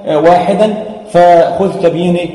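Here the teacher's voice is high and mellow, his tone steady and his pace moderate. He walks through Quran recitation one step at a time, pausing frequently in hesitation and breaking into chanted verses, all in a room that echoes with long reverb.

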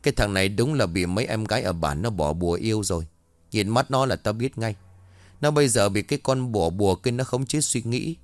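A gruff, bossy old village exorcist, put on by a male storyteller barks orders and scolds everyone. His voice sits low and dry. He sounds like a spoken ghost story character. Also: a little fast, dry recording, close to an everyday voice. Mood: grim.

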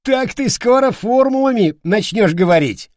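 A man voicing a shrill, hot-headed male red cap goblin who squeals excitably, for an audiobook. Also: moderate pace, no room sound, clean studio sound. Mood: shrill mocking.

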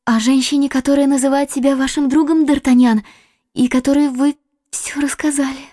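A woman's voice: sits high, flat delivery, a little fast, no room sound, studio quality, close to an everyday voice. A woman playing a fragile young beloved. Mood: earnest. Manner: soft, breathy, fading. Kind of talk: audiobook character voice.

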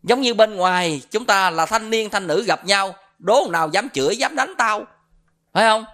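The speaker is a middle-aged man with a Southern Vietnamese accent, a monk giving a dharma talk on Buddhism who mixes stories with questions that quiz the audience. His voice sits high, with lively intonation and a pushed, bright quality, at normal speed.

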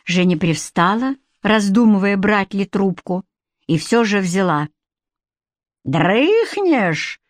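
A woman reading a novel aloud as an audiobook narrator, with an expressive, lively delivery. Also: medium pitch, a little slow, dry recording, studio quality.

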